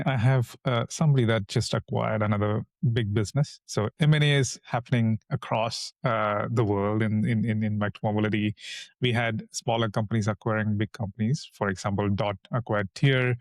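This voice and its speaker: A man's voice: medium pitch, dry recording. A man hosting a podcast, introducing his guest with enthusiasm and often repeating words as he frames questions. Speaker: podcast host. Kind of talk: podcast interview.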